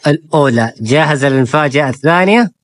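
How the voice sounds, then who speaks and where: Very low-voiced woman, playful vlogger. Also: animated, fast. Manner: playful and coaxing, repeating admiring exclamations. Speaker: family vlogger filming children. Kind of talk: casual family vlog commentary.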